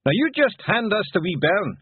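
A man voicing a tiny, rowdy male pictsie clan chief with a gruff broad Scottish brogue. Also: high-pitched, very animated, moderate pace, dry recording, voice pushed up, heavily acted. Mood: boisterous. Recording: tinny phone-like dry recording.

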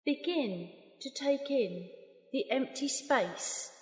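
A woman slowly leading a guided meditation in a calm, soft, unhurried voice with long pauses. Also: sits high. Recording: roomy long reverb.

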